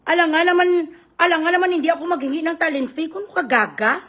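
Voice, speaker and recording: A woman hurls insults in a profane livestream tirade, and sometimes she shouts. Her voice is high and bright, with a hard, forceful edge. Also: fast talker. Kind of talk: angry livestream rant.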